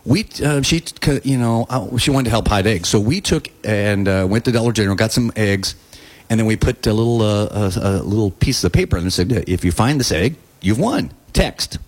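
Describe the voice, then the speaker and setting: A man's voice: lowish voice, expressive, moderate pace. An older man hosting a morning radio show, chatting casually with plenty of fillers and restarts. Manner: rambling, hesitant, many fillers. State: not feeling well. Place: radio studio.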